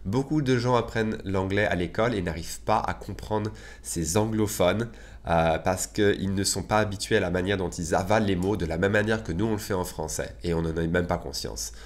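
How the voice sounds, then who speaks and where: Teacher drilling English phrases. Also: male voice, low-pitched, a little fast. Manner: conversational, many filler "euh"s. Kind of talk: bilingual English lesson in French.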